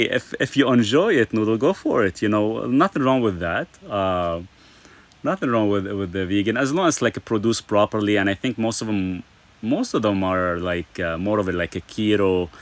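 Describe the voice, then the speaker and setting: A middle-aged Lebanese man runs a casual live stream, reading out viewer comments and replying in a chatty manner packed with fillers. His voice sits on the low side.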